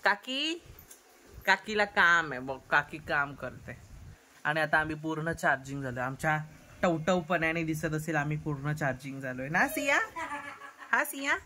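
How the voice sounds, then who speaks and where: A woman's voice: deep voice, normal speed, pushed and bright, slight background noise. A woman home vlogger chatting casually, teasing and cooing at a toddler in playful baby talk.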